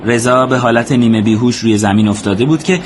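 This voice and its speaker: A man narrating a war story as scripted audiobook narration, in a steady, measured way. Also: medium pitch, a little hiss or hum.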